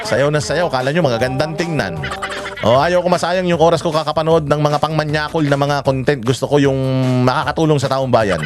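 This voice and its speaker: A man's voice: on the high side, fairly quick, noisy background. Fiery, profane Filipino man ranting. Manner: profane, heated and mocking, mixes Tagalog with English. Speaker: political commentary host. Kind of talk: ranting political vlog commentary.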